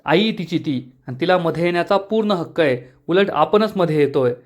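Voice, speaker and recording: A man's voice: fairly high pitch, animated, moderate pace, lightly acted. A man voicing an irritable young village man who snaps defensively. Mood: irritated.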